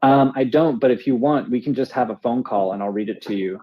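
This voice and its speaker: A man's voice: mid-range voice, brisk, breathy edge, dull audio. A man co-hosting a talk show, explaining things casually as an author. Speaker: co-host and author.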